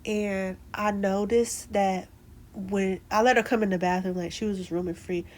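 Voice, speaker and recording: A woman vlogger tells a personal story in a chatty, animated way, acting out what people said. She speaks in a mid-range voice at a moderate pace, with frequent fillers and restarts.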